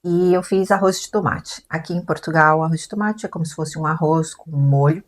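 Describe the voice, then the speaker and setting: Woman, podcast co-host, animated storyteller doing the voices of her family. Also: sits low, brisk. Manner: animated storyteller who acts out family dialogue. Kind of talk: casual conversation. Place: lives in Portugal.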